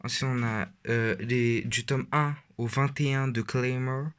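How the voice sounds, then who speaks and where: A teenage boy talks in a loose, casual way, stopping often on fillers and restarting his sentences. His pitch sits in an ordinary middle range for a young male voice. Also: fairly even intonation, a little slow, a bit bright, smooth. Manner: rambling, hesitant with many fillers. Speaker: vlogger. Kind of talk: casual shelf tour.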